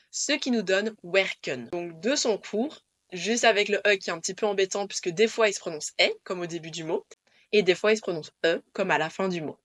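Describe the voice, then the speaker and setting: A woman teaching Dutch pronunciation to camera, patiently repeating the rules in a clear way. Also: medium pitch, a bit bright, no room sound.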